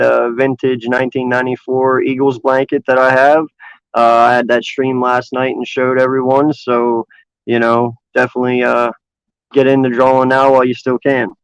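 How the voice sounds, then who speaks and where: A man's voice: medium pitch, smooth, no room sound. A man in his thirties hosting a casual sports podcast, easygoing and chatty. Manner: easygoing, plugs the channel. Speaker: podcast host. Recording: dull lo-fi online call audio.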